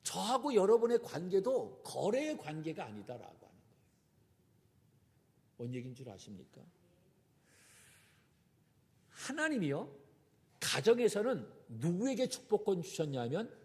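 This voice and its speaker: A man delivers a Sunday sermon as a pastor, his voice pitched high and full of wide, animated swings. He keeps turning to the congregation with direct questions and appeals. The sound carries a long reverb from the church sanctuary. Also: measured pace, pauses often. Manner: preaching with rising emphasis and direct appeals to the congregation.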